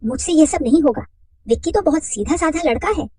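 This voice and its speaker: A woman's voice: high voice, animated, brisk, warm tone, dry recording, recorded from a distance, voice pushed up. A woman voicing a shy, nervous middle-aged lady. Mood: hesitant.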